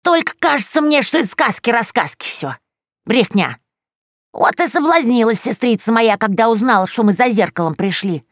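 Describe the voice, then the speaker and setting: A woman's voice: fairly high pitch, animated, moderate pace, dry recording, clean studio sound, pitched above the performer's own voice. A woman voicing a blunt, scolding old witch who sighs at her sister. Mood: telling. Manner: sighing, scolding.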